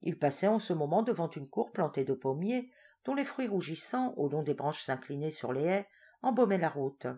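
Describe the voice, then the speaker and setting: A woman reading a story aloud as narrator, slow and measured in the descriptive passages. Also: deep voice, very animated, mellow, slightly rough.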